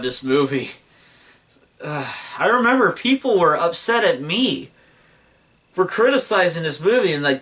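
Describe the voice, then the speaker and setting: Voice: medium pitch, fairly bright tone. A young adult movie reviewer ranting in disbelief and swearing often while talking through a film. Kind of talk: profane film review commentary.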